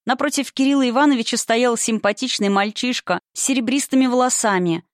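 A woman's voice: on the high side, a little fast, no echo, clean studio sound. A woman reading a first-person story as an audiobook narrator, with suspense.

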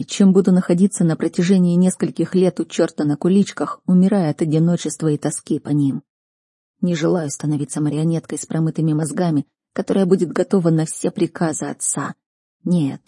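Woman narrating a fantasy story, husky, dry close sound, measured and tense. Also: low-pitched, dark tone, no echo. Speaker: audiobook reader. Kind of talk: first-person fantasy narration.

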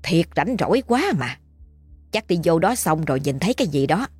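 A gossipy neighbor woman with a Southern Vietnamese accent, as a woman plays her. She chats in a confiding, low, husky voice, as if leaning in during a storybook reading. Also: very animated, moderate pace, darkish tone, no echo, faint music behind, exaggerated voice.

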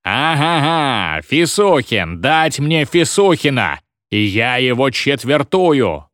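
A man's voice: medium pitch, sing-song, takes it slowly, fairly bright tone, dry recording, studio quality, pitched above the performer's own voice. A man voicing a furious, bellowing male school headmaster who rants and threatens. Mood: raging. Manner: roaring, ranting, threatening.

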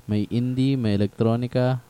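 A man's voice: medium pitch, fairly even intonation, normal speed, dark tone, clean tone. A Filipino man co-hosting a casual podcast chat in an easygoing way. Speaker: podcast co-host.

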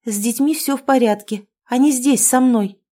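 Woman doing a shrill, frightened young mother. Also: moderate pace, dark tone, close to an everyday voice. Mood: defiant. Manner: trembling, then shrill screaming.

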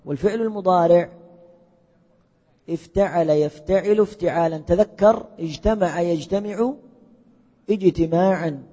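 A man's voice: high-pitched, unhurried, pauses often, mellow. A man teaching a class, quizzing students and repeating their answers back to them. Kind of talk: classroom lesson with questions to students. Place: lecture hall. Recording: echoey hall, muffled lo-fi sound.

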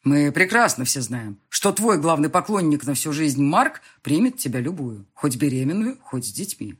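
A woman voicing a cold, jealous husband in an audiobook, curt and stern, in a husky tone. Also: extremely low pitch, sing-song, normal speed, a little mellow, pitched below the performer's own voice, full character voice. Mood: harsh, accusing.

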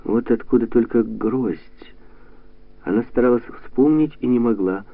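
A man calmly reading a literary novel aloud in a measured, even way. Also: mid-range voice, gravelly, no echo. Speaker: audiobook narrator. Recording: tinny lo-fi radio sound.

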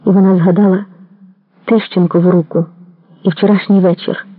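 A narrator reading a literary novel aloud in a measured, even storytelling manner. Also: mid-range voice, no echo, narrow, tinny audio. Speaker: audiobook narrator.

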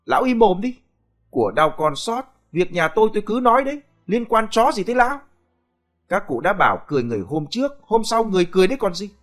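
A woman's voice: medium pitch, big pitch swings, fast talker, soft background music, pitched above the performer's own voice, lightly acted. A man voicing a furious, foul-mouthed village wife who screeches curses and wails in a storybook reading. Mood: screeching abuse.

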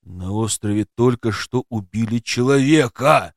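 A male audiobook reader voicing an angry, threatening male rescuer in a low, growling voice. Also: measured pace, no room sound, clean studio sound, lightly acted. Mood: menacing. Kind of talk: audiobook character voice.

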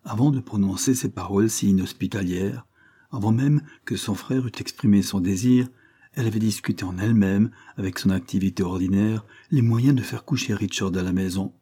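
A man reading a novel aloud in measured, deliberate narration. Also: lowish voice, dark tone, slightly rough. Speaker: audiobook reader.

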